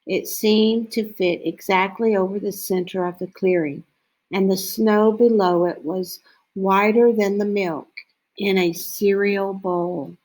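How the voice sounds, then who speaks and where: A woman reading a children's story aloud in a deliberate way, with frequent pauses between short phrases. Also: medium pitch, steady tone, darkish tone, rough recording. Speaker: storybook reader.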